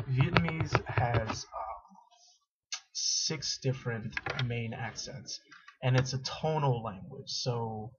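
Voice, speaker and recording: Recorded on a built-in webcam mic, this clip has lo-fi sound and background noise. A young man sits in a dim dorm room vlogging straight to camera, rambling with plenty of fillers and poking fun at himself. His voice sits in the mid-range.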